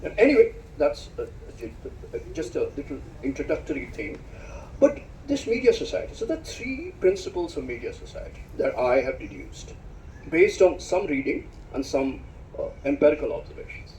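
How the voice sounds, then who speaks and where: A middle-aged man speaking at a book discussion, reflective and searching for words, with dry self-deprecating humor and sharp rises in pitch for emphasis. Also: big pitch swings, moderate pace, slight background noise. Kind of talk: spoken lecture at a book discussion. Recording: roomy hall sound from a distant mic.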